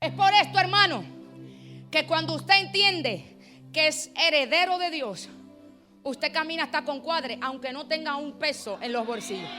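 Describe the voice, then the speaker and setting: A woman pastor, preaching a Pentecostal sermon that swings from hushed, close talk to shouted, chanting crescendos. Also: high voice, normal speed. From Dominican Republic. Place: church congress. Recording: music playing behind.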